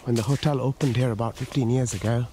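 Walking resort garden paths outdoors, a Sri Lankan vlogger narrates a casual tour from behind his handheld camera, talking quickly in a steady, warm, medium-pitched voice and frequently repeating himself. The rough recording captures clear background noise and soft background music.

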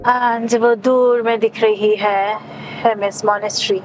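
A woman in her thirties hosts a travel vlog, chatting casually from inside a car and pointing out sights along the road. Her voice is a little high and slightly slow with fairly even intonation, and the audio is poor.

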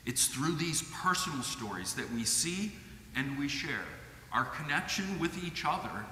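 A middle-aged lay preacher with a Midwestern American accent gives a sermon at a lectern microphone in a church sanctuary with stained glass. His bright, slightly high voice is animated yet measured and earnest. The echoey hall adds a long reverb and a faint hum of ambience.

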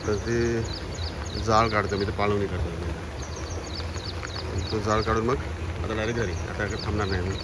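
A man's voice: fairly low pitch, fairly even intonation, normal speed, pauses often. A man with a Marathi accent chatting to his viewers in a casual vlog by a creek. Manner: chatty, addresses viewers as friends. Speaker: vlogger. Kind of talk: casual outdoor vlog commentary. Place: outdoors by a tidal creek. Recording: outdoor recording with clear background noise.

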